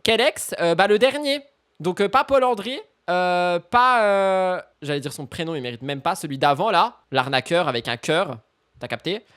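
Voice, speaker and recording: A man with a fairly high voice hosts a gossip live stream. He mocks and rants as he reacts, tossing in English phrases. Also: expressive, moderate pace, a bit bright, clear, resonant tone. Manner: mocking, ranting, slips in English phrases.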